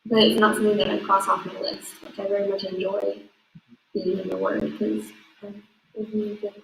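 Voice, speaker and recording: A woman's voice: medium pitch, level tone, a little fast, creaky, far from the mic, background noise. A teenage woman speaking as a guest, chatty and giggly, with many likes and fillers. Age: late teens. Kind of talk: casual conversation. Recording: roomy room echo.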